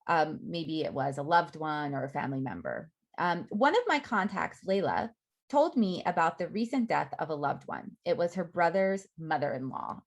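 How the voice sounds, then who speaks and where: A middle-aged woman with a low-sitting voice delivers an academic faculty talk, reading prepared remarks at a measured pace with frequent ums.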